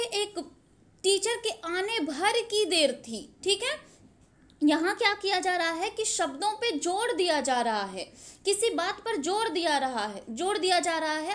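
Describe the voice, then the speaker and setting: A woman teaching a grammar lesson for exam preparation, explaining slowly with repeated examples and asking the viewer rhetorical questions. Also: extremely high pitch. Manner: frequently checks understanding with rhetorical questions.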